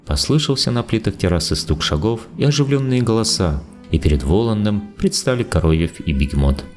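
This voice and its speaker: Casting: a male audiobook narrator, low, highly animated delivery. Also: fairly quick, over music. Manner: expressive literary reading.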